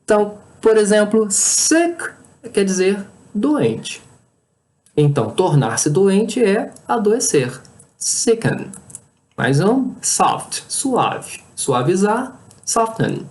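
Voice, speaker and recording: A patient teacher explains a language lesson. The pace is slow and unhurried, with a very lively pitch. Each word in a list gets its own clear beat. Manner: spells out word lists one word at a time. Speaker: English teacher.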